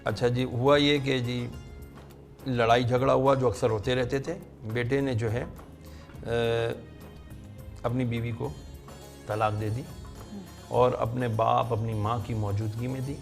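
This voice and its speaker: A man's voice: medium pitch, level tone, creaky, long pauses, faint music behind. A middle-aged man, a religious scholar on a talk show, earnestly telling a long story and acting out the voices he quotes.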